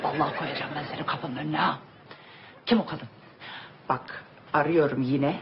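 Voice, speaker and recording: A woman playing a suspicious, bossy wife in a comedy sketch, interrogating with a fiery, sharp tongue. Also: low-pitched, fairly even intonation, moderate pace, lo-fi sound, lightly acted. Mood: angry.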